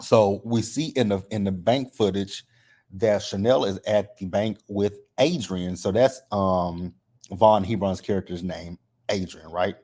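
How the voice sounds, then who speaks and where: A man's voice: lowish voice, measured pace, dark tone. A man giving a casual, conversational recap with a slight lisp from wearing braces, often tagging his points with a questioning "right?". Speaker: host of a TV episode recap.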